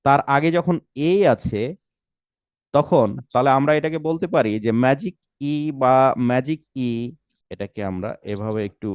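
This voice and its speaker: A man's voice: medium pitch, a little slow, no room sound. A man teaching an online English pronunciation class, patiently breaking words into syllables, asking rhetorical questions and mixing English terms into his speech. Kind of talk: live online class lecture.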